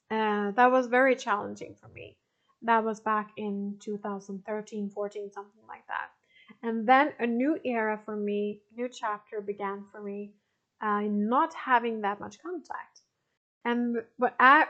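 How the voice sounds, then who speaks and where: A woman in her forties, a spiritual teacher talking casually and haltingly to a group, with frequent restarts and soft laughs. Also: on the high side, lo-fi sound. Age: 40s. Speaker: spiritual teacher answering participant questions. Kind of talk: casual talk to an online group.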